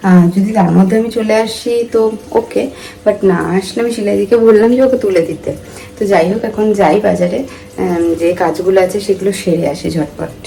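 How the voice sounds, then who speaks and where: A woman's voice: mid-range voice, fairly even intonation, a little fast, vocal fry, warm tone, rough recording. A woman, talking casually through her daily routine in a home vlog. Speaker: vlogger.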